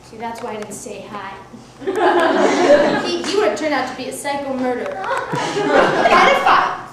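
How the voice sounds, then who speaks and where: Woman, solo comedy monologue, very animated pitch, distant mic, noisy room. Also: quick pace. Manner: wide-eyed storytelling with laughter. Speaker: solo stage performer. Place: comedy theater stage. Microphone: far from the mic. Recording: echoey stage heard from afar, noisy.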